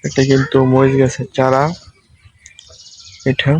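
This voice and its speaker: A shy man talks quietly as he films crops and trees outdoors on his phone. His delivery stays almost completely flat, with barely any rise or fall, and there is a faint hiss behind him. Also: mid-range voice, unhurried, muffled recording. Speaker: farming vlogger, new content creator. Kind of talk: casual walking tour narration.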